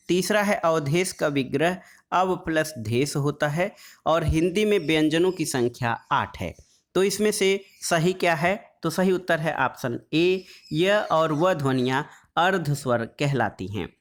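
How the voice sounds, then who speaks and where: A man teaching an exam-prep lesson on Hindi phonetics, reading quiz questions and then explaining the answers, drawing out letter sounds slowly as he lists them. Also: a little high. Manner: draws out sounds slowly when listing letters; calls the audience "friends".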